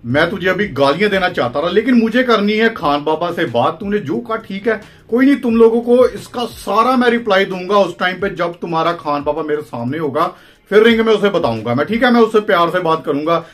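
A man's voice: sits high, expressive, a little fast, a bit bright. A young Indian man hosting a phone-call vlog, brash, taunting and impatient, with an Indian accent. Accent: Indian Hindi. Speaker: wrestling channel host.

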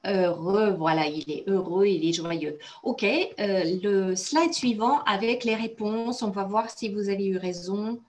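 A woman's voice: medium pitch, measured pace, few pauses. A woman teaching French in an online class, praising students often and explaining phrases step by step, with Russian as her native language.

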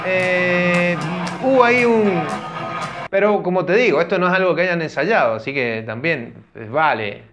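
A man's voice: high voice, normal speed. A young man, chatting casually as he reacts to a concert clip and thinking aloud with fillers and restarts. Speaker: reaction video host. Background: music from the video.

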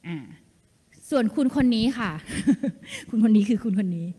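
A woman giving a lively seminar talk to an audience. She laughs often and calls on people in the room. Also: on the high side, measured pace, husky. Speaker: insurance sales manager giving a seminar talk. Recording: long hall reverb.

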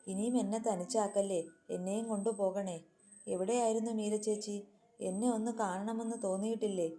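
A woman's voice: medium pitch, steady tone, brisk, mellow, close to an everyday voice. A woman voicing a grief-stricken young woman who pleads through sobs in a storybook reading. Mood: tearful pleading. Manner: sobbing, pleading questions.

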